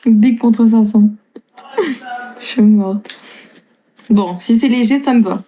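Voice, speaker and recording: Woman, twenties, slight northern French accent, live-stream chat, answers comments, laughs a lot, warm mellow tone. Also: mid-range voice, a little slow, a little hiss or hum. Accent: slight northern French (Lille). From northern France. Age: 20s. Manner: chatty, laughs often, reads and answers comments. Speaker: livestreamer.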